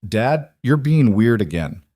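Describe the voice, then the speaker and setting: A curious, caring young boy speaks in a storybook reading, only lightly lifted in pitch by a man reading his lines. The sound stays dry and close. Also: very animated, measured pace, dark tone, no echo.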